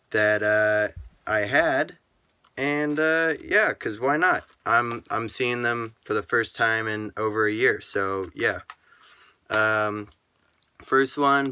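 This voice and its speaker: A man casually chatting through his sports card collection in a relaxed, rambling way, full of ums and uhs. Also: on the low side, clear, resonant tone, dry recording. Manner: talks to himself aloud. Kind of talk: casual vlog chat.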